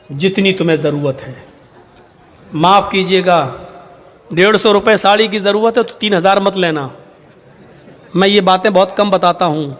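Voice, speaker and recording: A high-voiced male preacher gives a religious speech to a gathering. He tells stories and acts out the dialogue, now and then rising to a shout. His voice rings with a long hall echo. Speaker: Islamic preacher. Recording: echoey hall sound.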